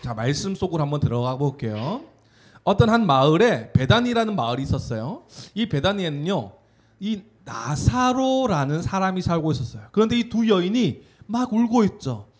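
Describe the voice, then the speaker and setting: A man giving an animated children's sermon, telling a story and having the kids repeat words after him. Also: high voice, moderate pace. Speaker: children's pastor.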